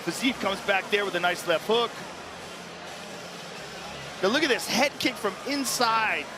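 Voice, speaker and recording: A male analyst with a high voice gives live fight commentary in plain, exclamatory phrases. Arena noise is clearly audible behind him. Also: expressive, measured pace. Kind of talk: live commentary and replay breakdown.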